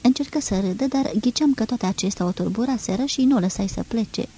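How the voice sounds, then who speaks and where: A woman reading a literary novel aloud as an audiobook, in a measured, expressive storytelling manner. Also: on the high side, husky, low-quality recording. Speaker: reader.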